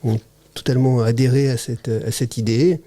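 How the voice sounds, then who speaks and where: A man speaking as a podcast guest in a casual interview, hesitant and halting, with many fillers and restarts. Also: medium pitch, fairly even intonation, warm tone. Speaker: podcast guest, teacher-researcher.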